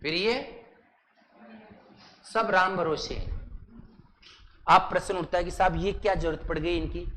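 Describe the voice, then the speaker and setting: A male teacher from Rajasthan leading a live coaching class. He drills his students with repeated questions and spells out sounds slowly, one syllable at a time. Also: high-pitched, a bit bright, a little hiss or hum. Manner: exaggerated slow syllable-by-syllable pronunciation. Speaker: Hindi teacher.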